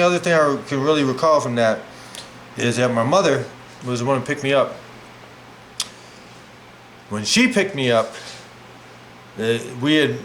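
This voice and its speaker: A man's voice: mid-range voice, a little hiss or hum. A middle-aged man rambling casually through a personal story, full of "like" fillers, talking while he prepares food at home. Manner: rambling, animated, many "like" fillers.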